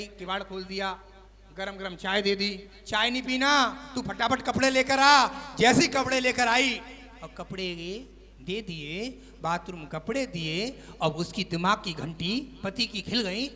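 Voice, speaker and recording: A man giving a sermon as a Jain monk, telling a lively story and acting out its household characters before a seated congregation. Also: high-pitched. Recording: long hall reverb.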